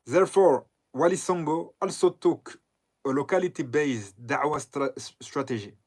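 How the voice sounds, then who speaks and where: A man from southern Lebanon giving a lecture on a text, talking in a halting way with frequent pauses and self-corrections. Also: a little high, a little mellow, breathy edge. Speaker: Islamic scholar lecturing. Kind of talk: lecture commenting on a read text.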